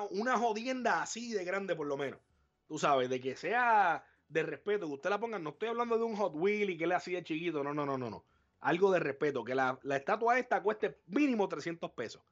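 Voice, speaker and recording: A man co-hosting a live podcast, animated and profane, acting out his reactions. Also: fairly high pitch, lo-fi sound. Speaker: podcast co-host. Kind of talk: casual live podcast chat.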